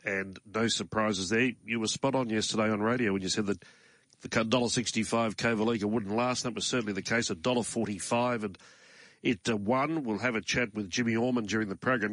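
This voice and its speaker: A man with an Australian accent hosting a morning racing talk show from a studio in a measured, conversational way. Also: fairly low pitch, fairly bright tone, no room sound. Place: radio studio.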